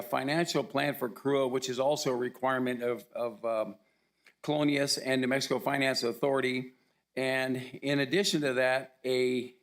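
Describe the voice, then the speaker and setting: A man with a hoarse, gravelly voice gives a formal report at a county commission meeting. He pauses often and fills the gaps with uh and um, and his voice catches in a rough fry. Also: mid-range voice, fairly bright tone. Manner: halting, with frequent uh and um.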